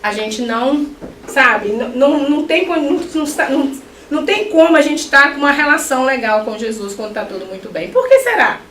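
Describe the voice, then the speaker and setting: A middle-aged woman giving a spiritist lecture, animated, with joking asides to her audience. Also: high-pitched, a little fast, slight background noise. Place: lecture hall. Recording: echoey hall, mic at a distance.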